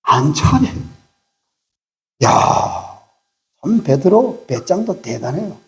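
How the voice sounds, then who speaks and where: A man's voice: very high voice, sing-song, normal speed, darkish tone. A male pastor preaching a sermon, acting out quoted lines and teasing the congregation, with English phrases slipped in.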